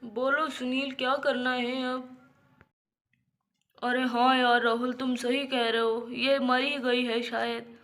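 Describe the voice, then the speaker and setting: A steady, practical young man talks things through slowly, as a woman puts him on. The voice is dropped lower than her own but stays fairly high and bright. He speaks matter-of-factly in a homemade doll storybook video. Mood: serious.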